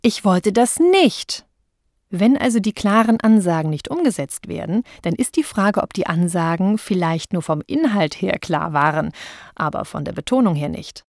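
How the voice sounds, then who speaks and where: A woman speech coach giving a voice training lesson, speaking clearly and deliberately, and slowing down to show how words are stressed. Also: fairly low pitch, lively intonation, darkish tone, no room sound, clean studio sound. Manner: clear, deliberate, demonstrates stress with slowed example sentences.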